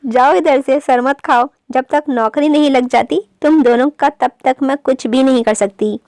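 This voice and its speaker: A woman's voice: sits high, fairly even intonation, a little mellow, no echo, clean studio sound. A woman reading the part of a strict middle-aged mother who scolds her sons sharply in an audiobook story. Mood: scolding.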